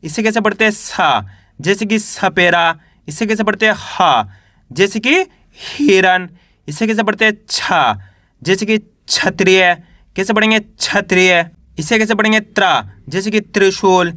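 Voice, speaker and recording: Bright, high-voiced man teaching letters. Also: moderate pace, dry recording, studio quality. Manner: patient, repetitive drilling of syllables. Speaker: Hindi reading teacher. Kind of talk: classroom-style spoken lesson.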